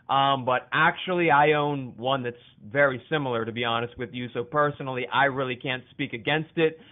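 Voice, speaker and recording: A man, an independent reporter, leaving a formal voicemail over a landline phone, measured and carefully worded with a dry, ironic edge. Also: on the high side. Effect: heard over a landline phone. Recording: tinny phone line.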